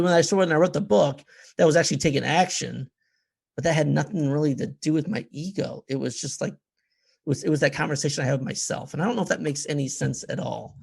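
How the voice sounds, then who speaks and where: A man in his forties, a podcast guest and author, talking in casual conversation in a halting way, often repeating words as he searches for them. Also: mid-range voice, gravelly, slightly rough. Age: 40s.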